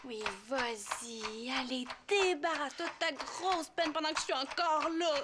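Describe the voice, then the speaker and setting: A bossy, brisk Quebec teen. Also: female voice, extremely high pitch, steady tone, heavy background noise. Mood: coaxing. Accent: Quebec French. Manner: pushy, hurried. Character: bossy, brisk teenage girl. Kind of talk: TV series acting.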